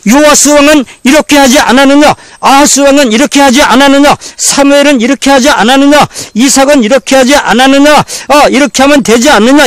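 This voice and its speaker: Speaking very high with a fairly bright tone and no room sound, this pastor delivers a sermon full of rhetorical questions aimed at his congregation. For emphasis, he keeps repeating the same phrases again and again.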